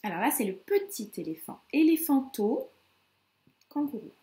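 A woman teacher with a high, lively voice talks slowly to small children, tapping out each word syllable by syllable in a sing-song way. The room around her is echoey. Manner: slow, syllable-by-syllable counting with sing-song emphasis. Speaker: kindergarten teacher.

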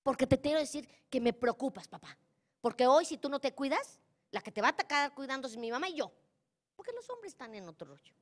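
A middle-aged Mexican woman, speaking somewhat high, gives a motivational talk to a live audience. She is colloquial and lively and teases the listeners with direct questions. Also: a little fast. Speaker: conference speaker.

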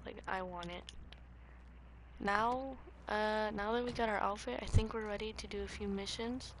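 A woman doing casual gameplay commentary, thinking aloud into a cheap, breathy-sounding microphone. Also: medium pitch, steady tone, normal speed. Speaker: gaming video host. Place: bedroom, lying in bed. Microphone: cheap, poor-quality microphone. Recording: noisy cheap mic, breathing audible.

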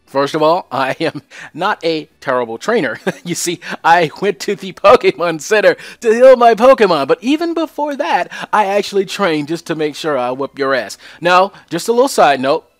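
A man's voice: high-pitched, expressive, normal speed, no echo. Chatty, joking young man commentating a game. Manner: joking, chatty, talks to viewers. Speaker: let's play host.

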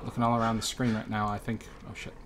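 A man hosting a horror game playthrough, grumbling, swearing often and sometimes shouting when startled. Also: on the low side, monotone, fast talker, noisy background. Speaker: host. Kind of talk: profane gaming commentary.

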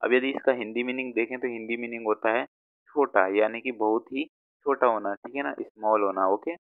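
A man's voice: medium pitch, fairly even intonation, fairly quick, dry recording, narrow, tinny audio. A man with an Indian accent teaching vocabulary, explaining word meanings patiently, mixing Hindi and English and often checking that the listener follows. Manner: patient, repeats words, frequent check-ins.

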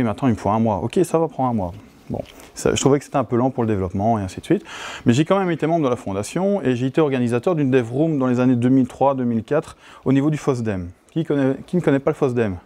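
A man's voice: mid-range voice, dark tone. A middle-aged Belgian man with a Belgian French accent giving a conference talk, chatty and self-mocking. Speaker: conference speaker. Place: conference hall.

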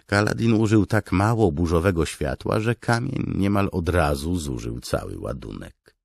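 A man narrating a fantasy audiobook in a measured, steady way. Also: sits low, vocal fry, no room sound, studio quality.

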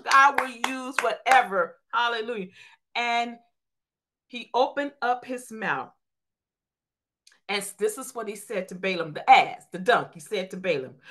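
In her church sermon, a woman reads from scripture and explains it with folksy, informal phrasing while calling out to the congregation. Her voice is fairly high, pushed, and bright.

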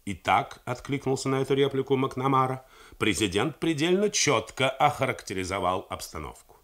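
A middle-aged man reads a novel aloud in the style of a 1980s radio studio, measured and theatrical. His expressive delivery swings widely in pitch.

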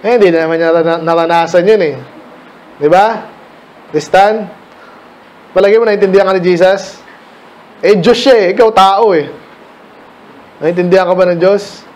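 A middle-aged Filipino pastor giving a casual Bible study talk to children, questioning listeners by name. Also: male voice, high-pitched, fairly even intonation, normal speed, pauses often, darkish tone.

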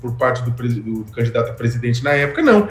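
A man in his thirties answers in an interview over a webcam from a home room, his voice carrying a roomy echo. He talks in long explanatory runs, stopping and restarting often, then pushing his pitch up on key points. Faint music sits underneath. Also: sing-song, quick pace. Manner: hesitant, restarts often, rising emphasis. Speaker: interview guest. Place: home room with framed pictures on wall. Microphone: webcam video call.

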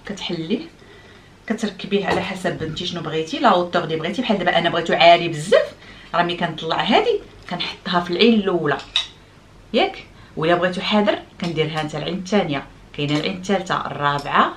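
A woman's voice: on the low side, very animated, racing, fairly bright tone, a little hiss or hum. A middle-aged woman with a Moroccan accent, chatting casually to her viewers, explaining and demonstrating things with French words mixed in. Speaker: vlogger.

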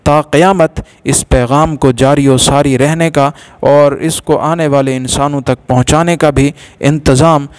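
A man narrating a religious story in a measured, formal storytelling manner. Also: a little high, steady tone, clear, resonant tone, no room sound.

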